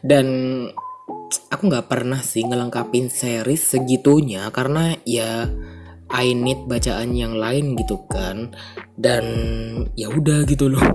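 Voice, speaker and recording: Young man, Indonesian accent, congested stuffy nose, mid-pitched, informal vlog chat, music behind. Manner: informal, chatty, mixes in English phrases. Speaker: book vlogger. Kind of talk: casual chat to viewers.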